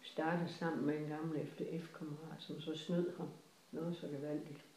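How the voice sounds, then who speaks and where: An older Danish woman reminiscing about her childhood in casual family chat, halting and repeating words. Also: low voice, flat delivery, darkish tone, slight background noise. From Denmark. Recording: echoey room, faint ambience.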